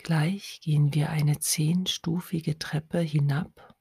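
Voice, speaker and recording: A woman whispers a guided hypnosis at a very unhurried, drawn-out pace, her low, breathy voice close to the mic. The recording is dry, with no room sound around her. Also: fairly even intonation, mellow, no room sound. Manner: slow soothing whisper.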